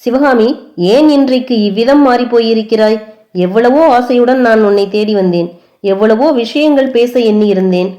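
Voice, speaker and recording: A woman's voice: fairly high pitch, normal speed, warm tone, natural voice. A woman voicing a young prince who speaks mockingly, then affectionately, in an audiobook. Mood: teasing. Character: young prince, teasing then tender, male.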